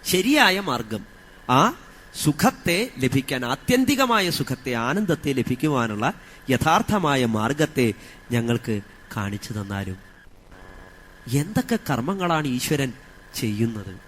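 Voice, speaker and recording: A man with a Malayalam accent giving a religious discourse on scripture, chanting verses slowly and asking his listeners rhetorical questions. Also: medium pitch, very animated, a bit bright, slight background noise. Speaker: scripture teacher.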